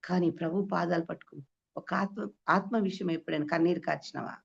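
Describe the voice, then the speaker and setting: Gravelly low-voiced woman preaching. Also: steady tone, fast talker. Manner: emphatic, rhetorical questions, sudden high exclamations. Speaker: preacher at a women's fellowship meeting. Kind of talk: Easter sermon, personal testimony. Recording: dull lo-fi recording.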